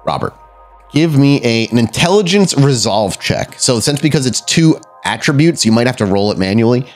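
As game master for a tabletop role-playing game, a man narrates with descriptive, dramatic flair, mixing in casual asides and rules talk. His mid-range voice has lively intonation and a moderate pace, with faint music behind him.

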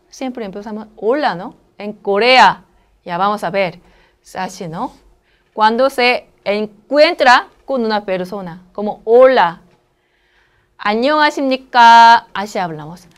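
A Korean-native woman teaching a language lesson, explaining slowly and patiently, checking with the listener, and repeating example phrases. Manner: slow, patient explanations with frequent checking questions; says Korean phrases brightly and quickly, then drops her voice low for comments.

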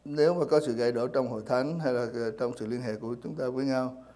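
Hesitant man preaching with a mellow voice. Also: mid-range voice, fairly even intonation, fast talker. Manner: hesitant, many fillers and repeated words. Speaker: pastor. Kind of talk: sermon. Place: church.

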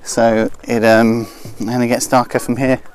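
A man's voice: mid-range voice, little pitch movement, measured pace. A man, a landscape photographer chatting casually to viewers on a live stream, in a wry, rambling way with joking asides. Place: open heath outdoors at dusk.

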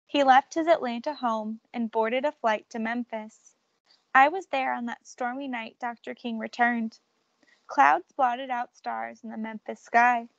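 A woman's voice: on the high side, gravelly, no echo, highs cut off. A woman reading a picture book aloud, telling the story expressively and raising or dropping her volume for drama. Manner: expressive, shifts loudness for drama. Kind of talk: read-aloud storybook narration.

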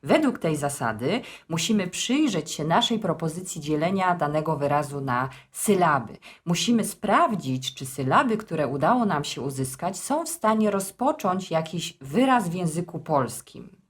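A woman explaining grammar rules in a formal, measured way with touches of dry humour. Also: low-pitched, big pitch swings, breathy edge. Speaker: text editor hosting a language series. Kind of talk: scripted language lesson.

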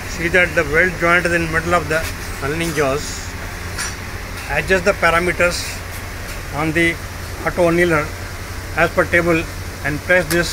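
A man giving slow, step-by-step instructions while demonstrating a machine in a workshop. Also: on the high side. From India. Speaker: product demonstrator. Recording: noisy workshop recording.

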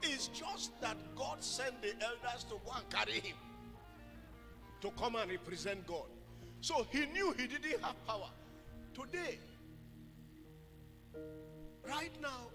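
A man preaches fervently into a pulpit microphone, his high voice rising into loud sung cries. His voice rings through a hall with a long reverb. Music plays clearly behind him. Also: expressive, moderate pace. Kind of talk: sermon.

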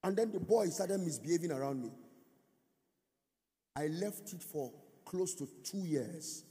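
A man's voice: fairly high pitch, lively intonation, a little slow, dark tone, big-room sound. A male pastor preaching at a conference, driving his points with sung, rising phrases and call-and-response. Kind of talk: conference sermon teaching. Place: large church or conference hall.

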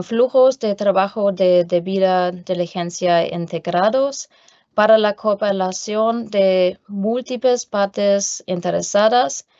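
Middle-aged woman presenter, in Spanish, slow careful reading, dull dry video-call sound. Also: medium pitch, mellow, no room sound. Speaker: guest presenter, corporate sustainability executive. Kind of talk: prepared business presentation in non-native Spanish. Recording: muffled video-call audio.

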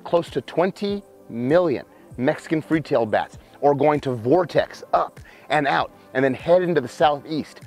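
A man, hosting a wildlife show outdoors by a cave, presenting with excited, emphatic showmanship on a lapel mic. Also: on the high side, normal speed, faint music behind. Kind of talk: enthusiastic outdoor nature presenting. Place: outdoors by a cave in open country.

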